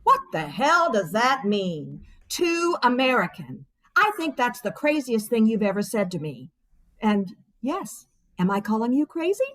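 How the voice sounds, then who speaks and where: A woman's voice: on the high side, sing-song, measured pace, fairly bright tone, poor audio. An actress playing a therapist who rants sarcastically at her husband in a stage monologue. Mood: scornful. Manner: sarcastic, exasperated. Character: bitter wife, a therapist, ranting at her husband. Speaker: stage actor. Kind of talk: theatrical monologue.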